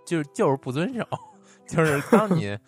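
A man's voice: a little high, sing-song, normal speed, slightly rough, soft background music. A young man in casual chat as a podcast co-host, blunt and teasing, with coarse slang.

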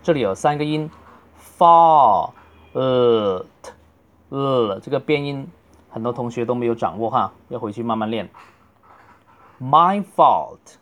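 A middle-aged man, a native Chinese speaker, teaching a beginner English lesson and slowly drawing out each model phrase. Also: mid-range voice. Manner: slow, drawn-out model phrases between quicker explanations.

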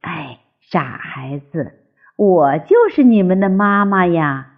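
An older woman voicing a gentle mother frog who speaks softly, slowly and kindly. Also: expressive, close to an everyday voice. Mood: tender. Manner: soft, low, unhurried and kind. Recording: tinny phone-like lo-fi sound.

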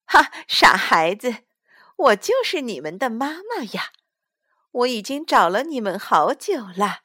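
A woman voicing a loud, laughing, warm mother frog in a storybook reading. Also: fairly high pitch, sing-song, a little slow, dry recording, clean studio sound, full character voice. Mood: joyful.

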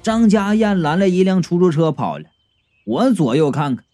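Man, comic storybook narration, wisecracking, mellow dark tone, faint music behind. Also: high voice, moderate pace. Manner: wisecracking, colloquial, lively. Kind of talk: comic first-person audiobook narration.

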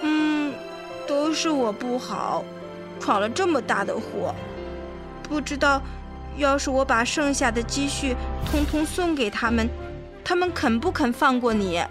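A woman's voice: high-pitched, animated, moderate pace, over music. A woman voicing a fretful, loyal male mouse who pleads and whispers in a storybook reading. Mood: worried.

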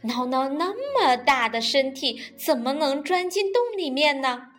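Slow, playful female storyteller. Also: high-pitched, faint music behind. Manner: playful and animated. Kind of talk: children's storybook reading.

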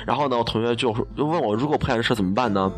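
Speaking very fast at a medium pitch, this young man from Xi'an, China, a broadcasting student, rattles off funny anecdotes. His casual storytelling is chatty and self-deprecating, and he laughs at his own jokes.

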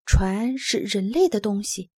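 A woman voicing a kind, steady young male polar bear cub in a storybook reading, gentle and reassuring. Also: mid-range voice, measured pace, slightly rough, no echo, clean studio sound.

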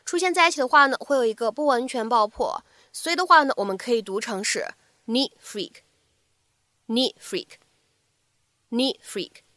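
Woman teacher, fairly high voice, dry close sound, lively and patient, repeats phrases slowly. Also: no room sound. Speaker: English teacher. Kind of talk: spoken English lesson.

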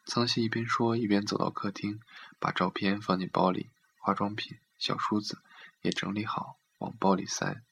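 A man reading a literary story aloud in a steady, measured way. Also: lowish voice, vocal fry, slight background noise.

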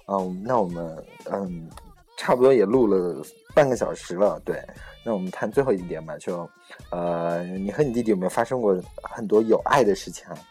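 Young man hosting a chat, husky. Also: deep voice, brisk, warm tone, soft background music. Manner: hesitant, many fillers and self-corrections. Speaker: host. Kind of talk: casual chat on a podcast-style program.

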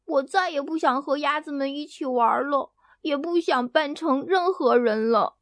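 A woman voicing a small, brave, excitable female chick in a bedtime story, with squeaky, high chirping exclamations. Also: moderate pace, no room sound, studio quality. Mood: excited chirping.

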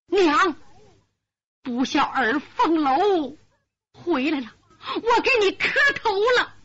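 A woman's voice: high-pitched, animated, takes it slowly, fairly bright tone, highs cut off, a little hiss or hum, pitched above the performer's own voice, heavily acted. A woman storyteller voicing a young man, a devoted son who is earnest and urgent.

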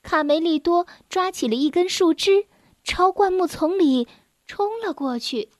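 A woman narrating a children's storybook in a clear, expressive way. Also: extremely high pitch, a little slow, dry recording, clean studio sound.

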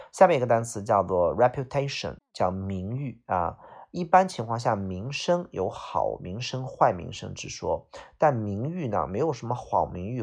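A man teaches a vocabulary lesson. His voice is very low with a gravelly fry, and it sounds husky. He repeats each word and explains it patiently, with frequent "啊" fillers. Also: a little mellow. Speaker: English teacher.

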